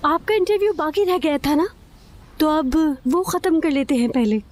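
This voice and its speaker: A woman's voice: high voice, lively intonation, moderate pace, a little mellow, slight background noise. A woman voicing a nervous young journalist who coaxes and stalls in a flustered way. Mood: coaxing. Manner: coaxing, flustered.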